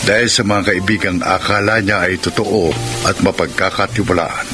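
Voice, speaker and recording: A man announcing and narrating a radio drama in a deliberate, theatrical scripted style. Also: sits low, steady tone, background noise. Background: loud music.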